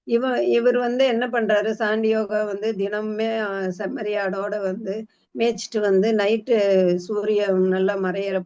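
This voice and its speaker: A woman retells a book's story in a loose, unscripted way, often pausing on fillers and restarting her phrases. Her voice sits in a middle pitch. The recording is dull and lo-fi, with muffled highs. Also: darkish tone. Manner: hesitant, frequent fillers and restarts. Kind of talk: casual spoken book retelling.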